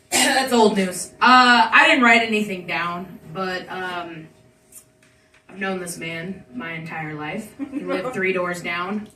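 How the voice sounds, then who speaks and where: Woman roasting with a bright laugh. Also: lowish voice, fairly even intonation, takes it slowly, reverberant, distant mic, slight background noise. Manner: laughing, profane, teasing. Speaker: roast speaker. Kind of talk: casual roast toast.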